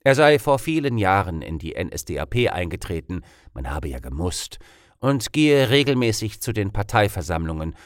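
Lively low-voiced male storyteller. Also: moderate pace, no room sound, studio quality. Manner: expressive storytelling delivery. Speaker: audiobook narrator. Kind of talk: scripted narration.

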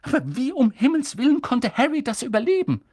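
A man voicing a stern, sharp-tongued elderly female witch professor in an audiobook reading, pushing his voice up high and insistent. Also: big pitch swings, brisk, breathy edge, exaggerated voice. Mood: agitated. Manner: insistent, agitated, high strained voice. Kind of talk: audiobook character voice.

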